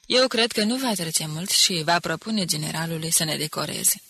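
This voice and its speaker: A woman's voice: low-pitched, lively intonation, bright, forceful tone, husky, dry recording, exaggerated voice. A woman reading the lines of a sarcastic heavy-set male soldier in an audiobook. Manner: ironic.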